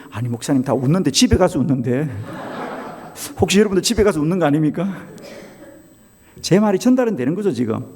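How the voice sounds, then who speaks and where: Middle-aged pastor preaching in a reverberant church. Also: male voice, a little high, a little mellow, slightly rough. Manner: humorous, asks the congregation many questions. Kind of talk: revival sermon. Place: church sanctuary. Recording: long hall reverb in a church.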